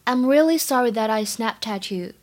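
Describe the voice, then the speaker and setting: Speaking at a normal speed with an expressive, slightly high voice, a young woman from China explains English pronunciation step by step. The upbeat delivery suits this podcast-style spoken English lesson.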